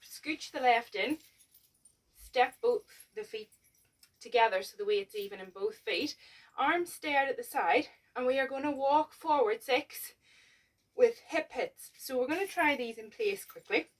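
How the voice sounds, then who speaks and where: A woman's voice: high voice, normal speed, distant mic, low-quality recording. A woman teaching a dance lesson step by step, chatty and encouraging, a little out of breath. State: slightly out of breath.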